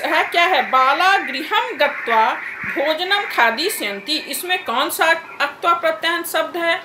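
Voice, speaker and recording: A woman's voice: very high voice, animated, unhurried, roomy sound, noisy background. A woman teacher leading an online class over a video call, patiently repeating corrections and calling on students by name.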